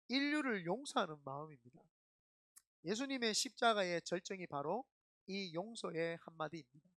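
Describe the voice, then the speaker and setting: Male pastor, middle-aged, gravelly voice, dry close sound, emphatic sermon delivery. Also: high voice, no room sound. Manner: emphatic, animated storytelling preacher. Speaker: senior pastor.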